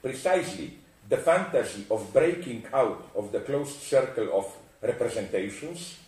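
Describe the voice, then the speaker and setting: A man from Slovenia lecturing on philosophy, breaking off mid-sentence and circling back with asides. His voice sits at an ordinary middle pitch. It reaches the mic from a distance, in an echoey room. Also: lively intonation, moderate pace, a little mellow. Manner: digressive, self-interrupting, with frequent asides.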